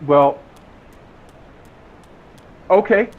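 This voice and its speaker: A man's voice: high-pitched, lively intonation, drawn-out words, narrow, tinny audio, slight background noise. Teasing man on voice chat. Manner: teasing, repetitive, profane. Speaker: friend on voice chat. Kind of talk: casual gaming chat.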